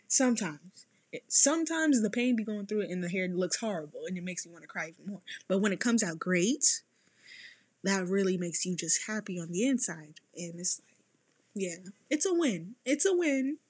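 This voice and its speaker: A young woman chatting casually to camera as a vlogger, animated and laughing often, with lots of "like"s. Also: mid-range voice, normal speed, husky. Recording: faint music behind.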